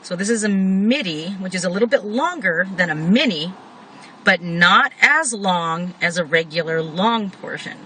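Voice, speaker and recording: Bright-voiced reviewer with a pouch-stuffed lip. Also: medium pitch, expressive, moderate pace. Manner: talking with a tobacco pouch tucked in the upper lip. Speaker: product reviewer. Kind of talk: casual rambling product review. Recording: noticeable background noise.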